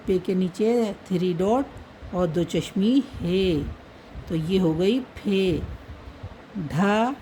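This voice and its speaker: A woman teaches letter by letter, unhurried and patient, often repeating herself as she writes. Her pitch sits in the middle, and a faint hiss runs under her voice. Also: dark tone, rough recording. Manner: patient, repeats letter names while writing. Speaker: Urdu script teacher. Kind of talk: slow step-by-step writing lesson.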